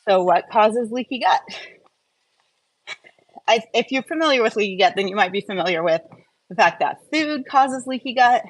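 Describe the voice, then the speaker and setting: This woman's voice is fairly high and lively in intonation, at normal speed with long pauses and no echo. She hosts a live wellness stream, giving an informal, conversational, step-by-step explanation to her online audience.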